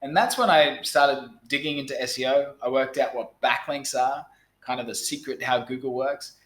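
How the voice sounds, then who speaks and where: An Australian man in his thirties, with an Australian accent, speaks at a medium pitch and moderate pace in a fairly bright tone. He's a podcast guest in a casual interview, talking bluntly and often restarting his sentences. The audio is poor and the room echoes.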